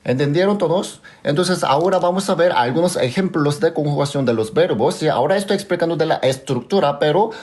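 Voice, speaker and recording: This man teaches a language class live with a Korean accent, his slightly high, slightly mellow voice moving a bit fast with hardly any pauses. He still repeats examples patiently and keeps asking whether everyone understood.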